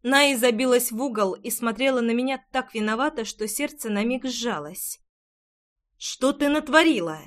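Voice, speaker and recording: Expressive woman reading an audiobook. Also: a little high, normal speed, hardly any pauses. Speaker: audiobook narrator. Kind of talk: first-person audiobook narration.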